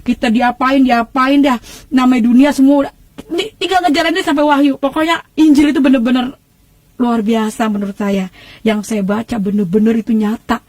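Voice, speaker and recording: A woman shares her personal faith testimony in a high voice, colloquial and animated as she retells her story. The sound is close and dry, with almost no room around her. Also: brisk, no room sound.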